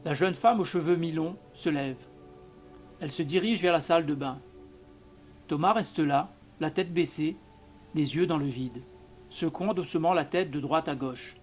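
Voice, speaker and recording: A man reading a short story aloud as an audiobook narrator, in a measured, calm manner. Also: fairly high pitch, faint music behind. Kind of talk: scripted narration.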